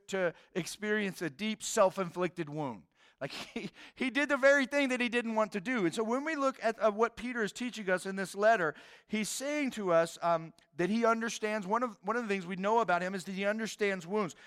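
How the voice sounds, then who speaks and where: A man preaching a sermon in a casual, animated way, with slang and acted-out quotes. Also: high-pitched, clear, resonant tone. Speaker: pastor.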